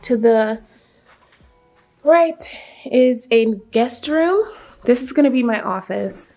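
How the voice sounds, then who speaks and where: Slow-talking young woman touring her empty house. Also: on the high side, lively intonation, a little mellow, soft background music. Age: 20s. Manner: chatty, upbeat, talking to viewers. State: out of breath. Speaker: vlogger. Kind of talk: casual home tour vlog.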